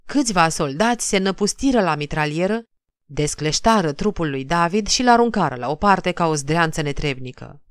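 Low-voiced woman reading literature aloud. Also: lively intonation, smooth, no room sound, clean studio sound. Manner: measured, dramatic reading. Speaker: audiobook narrator. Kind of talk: scripted literary narration.

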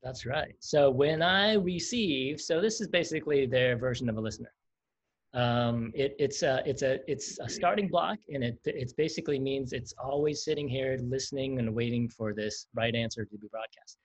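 A man with a mid-range voice talks at a normal speed while teaching a coding lesson on a livestream. He's chatty and explanatory and laughs often. The stream audio sounds dull and lo-fi.

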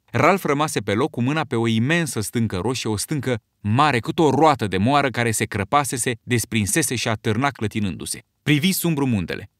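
This is scripted audiobook narration by a man whose voice is medium in pitch, delivered at an even, measured storytelling pace. The audio is studio quality, with no trace of room sound.

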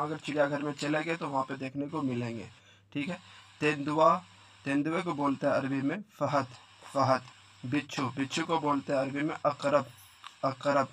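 Male teacher, fairly high and bright voice, quizzes and repeats every word. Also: a little hiss or hum. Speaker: Arabic teacher. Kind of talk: vocabulary lesson.

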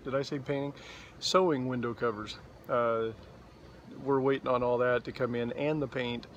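A man in his forties vlogging outdoors in a boatyard, talking into a phone held at arm's length in a relaxed, rambling way. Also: medium pitch, normal speed, highs cut off, slight background noise. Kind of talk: casual video diary. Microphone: phone camera at arm's length.

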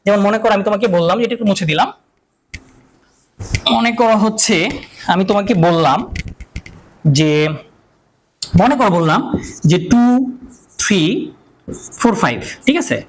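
A man's voice: high-pitched, lively intonation, moderate pace, pauses often, a little hiss or hum, rough recording. A man teaching a math lecture, asking questions and answering them himself, and repeating key terms over and over.

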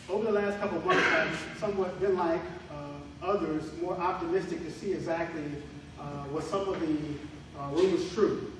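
A middle-aged man, hosting a town hall as county commissioner and speaking haltingly with many fillers into a handheld mic. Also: on the high side. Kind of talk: public address at a town hall meeting. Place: large community hall, indoors. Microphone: handheld mic in a big room, heard from afar. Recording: echoey hall heard from far off with noise.

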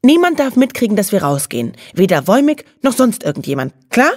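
A woman voicing a fearless, bossy young female dormouse who gives brisk, conspiratorial commands. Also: medium pitch, very animated, darkish tone, no echo, studio quality, pitched above the performer's own voice.

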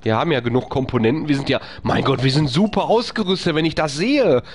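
Over background noise, a man talks at a quick pace while live-streaming a horror game as let's play commentary. He chats with his viewers, whispers when sneaking, and swears in panic, screaming high-pitched, when something attacks.

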